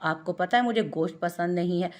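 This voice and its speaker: A woman's voice: fairly low pitch, fairly quick, natural voice. A woman reading the lines of a cheeky, boastful young man who teases his cousins in a playful, mocking way. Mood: teasing.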